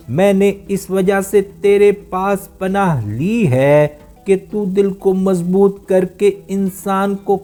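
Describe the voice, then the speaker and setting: A frightened female duck recounts her tale in a storybook telling, as a man reads her part. The voice sits high and the reading stays measured, easing down at the ends of sentences, with faint instrumental music beneath. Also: darkish tone, close to an everyday voice. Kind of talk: storybook narration.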